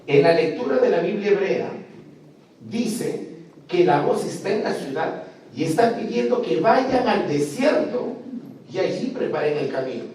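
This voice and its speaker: A man's voice: sits high, sing-song, measured pace, a little mellow. A man teaching a class on biblical texts, speaking emphatically and putting rhetorical questions to the students. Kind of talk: classroom lecture. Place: lecture hall. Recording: echoey room, distant mic, faint noise.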